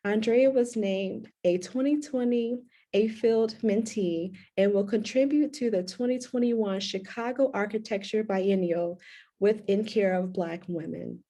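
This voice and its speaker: Woman host with a mellow voice. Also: mid-range voice. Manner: clear, measured, formal reading. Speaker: co-curator and host. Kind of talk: reading guest introductions, then moderating.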